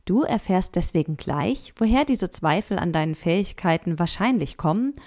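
A woman's voice: lowish voice, lively intonation, normal speed, a little mellow. A woman in her thirties hosting a solo podcast. She talks straight to the listener in a chatty way and often checks in with "ja?". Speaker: podcast host.

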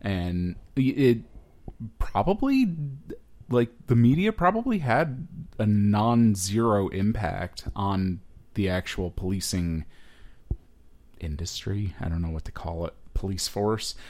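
A man co-hosting a podcast, halting and joking in casual chat. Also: lowish voice, darkish tone. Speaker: podcast co-host.

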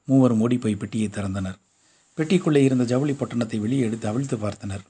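A man narrating a short story in a steady storytelling manner. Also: medium pitch, fast talker, slightly rough.

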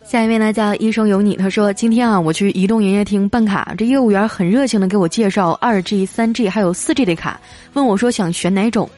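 Reading out listeners' jokes casually and chattily, a female show host laughs at each punchline. She talks fast in a medium-pitched, slightly mellow voice, with faint music underneath.

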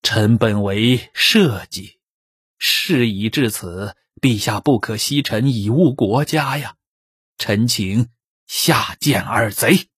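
A storyteller voicing a stern, defiant old court minister who speaks slowly and low. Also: male voice, a bit bright, husky, dry recording, studio quality, heavily acted. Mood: grave resolve. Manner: slow, low and grave delivery.

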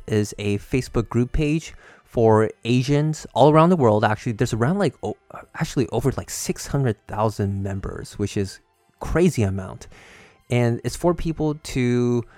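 This is the host of a series, a man speaking in a mid-range voice with no echo on the recording. Alone on his laid-back podcast, he confides personal anecdotes in a chatty way, beginning calm and unhurried before becoming livelier.

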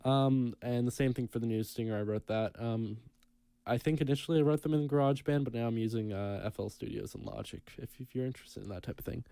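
Young male podcast co-host, warm mellow tone, dry close sound, relaxed with lots of ums. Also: medium pitch, fast, vocal fry, clean tone, dry recording. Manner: relaxed, many ums, reads news aloud. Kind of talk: casual podcast chat.

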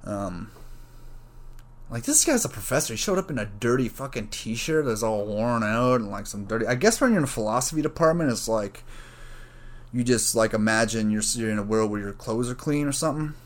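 A man's voice: medium pitch, animated, fairly quick. A man, a college student, telling a story in a casual, rambling, profane way, full of "like" and "you know". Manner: rambling, profane, self-correcting; frequent fillers like "like" and "you know".

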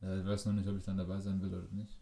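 A man's voice: low-pitched, monotone, racing, gravelly, dark tone, reverberant. A man chatting casually, tossing in dry jokes. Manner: dry, joking quips. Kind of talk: casual chat.

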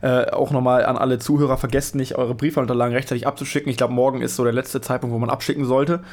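A man's voice: mid-range voice, little pitch movement, quick pace, a little mellow. A young man, chatting casually as a podcast co-host and rambling with many restarts.

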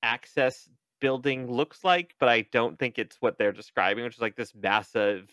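Man, podcast host, bright forceful tone, dry close sound, animated, swearing, joking. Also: mid-range voice, normal speed, clean tone, no room sound. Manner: animated, profane, joking, with exaggerated quoted voices. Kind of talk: casual book recap chat.

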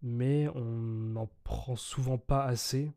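Mellow young man chatting casually. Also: medium pitch, steady tone, slow, no echo, clean studio sound. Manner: informal, self-correcting explainer. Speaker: podcast co-host. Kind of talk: casual chat.

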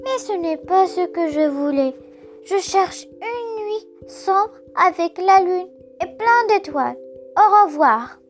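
An eager little lamb, as a storyteller puts him on, squealing questions in a very high voice. Clear music plays underneath. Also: slow, full character voice. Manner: excited, exclaiming. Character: eager young male lamb. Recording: music bed behind voice.

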